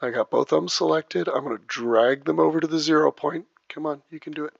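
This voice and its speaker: A man teaching video editing step by step, narrating each click as he works, heard through low sample rate, muffled audio. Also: brisk, gravelly, no room sound. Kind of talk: step-by-step screen tutorial. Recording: dull lo-fi dry voice track.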